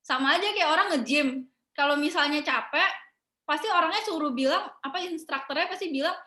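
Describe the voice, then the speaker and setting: A young woman, chatting as an interview guest in a relaxed way, mixing in English phrases and laughing often. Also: high voice, brisk, echoey room. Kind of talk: casual interview chat.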